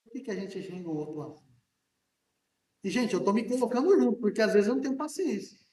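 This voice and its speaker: A male pastor preaches a sermon in a casual, joking way, firing questions at his congregation. His voice sits high, and he talks loudly because he is hard of hearing. He is picked up from some way off in an echoing church hall. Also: very animated, fast. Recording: echoey church room from a distance.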